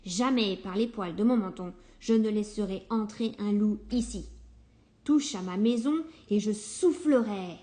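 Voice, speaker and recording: A woman voicing a lazy, rude little pig who shouts insults at a kind wolf in a storybook tale. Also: mid-range voice, natural voice. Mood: rude shouting. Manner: shouting, quick and insolent. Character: rude, loud, lazy little piglet boys.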